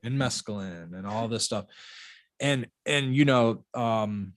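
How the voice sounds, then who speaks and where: A man's voice: mid-range voice, takes it slowly, no room sound, studio quality. A man with a Midwestern accent hosting a podcast, talking casually and rambling with restarts and fillers. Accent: Midwestern American. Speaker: podcast host.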